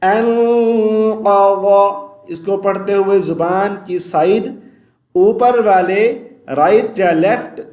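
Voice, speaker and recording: A man with a Pakistani Urdu accent and a high, light voice teaches Quran recitation, explaining pronunciation errors in plain speech. He then chants the verses slowly, stretching each sound. The room around him is echoey and roomy. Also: a little mellow. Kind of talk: recitation lesson.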